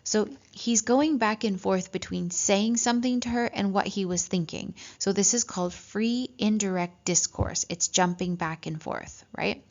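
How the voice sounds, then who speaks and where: A woman teaching a literature lesson, reading passages from a story and explaining them, often checking in with "right?" and pausing on "um". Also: mid-range voice, a little mellow. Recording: dull lo-fi recording.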